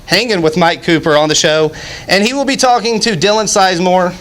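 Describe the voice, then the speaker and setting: Male TV wrestling host, high voice, upbeat and promotional, chatty between introductions. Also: a little fast, a bit bright. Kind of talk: scripted show opening with casual banter.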